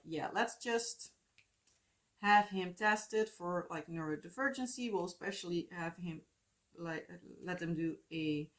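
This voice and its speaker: A Dutch woman in her thirties from the Netherlands, whose voice is on the low side, chats casually as a crafting vlogger. Recorded at home on her phone, she rambles with plenty of fillers and asides in a Dutch accent.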